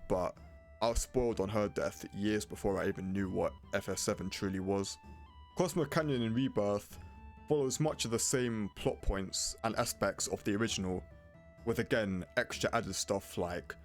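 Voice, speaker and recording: Music plays behind a man with a fairly low voice. He narrates a scripted game review, speaking bluntly and casually like an opinionated reviewer. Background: prominent music.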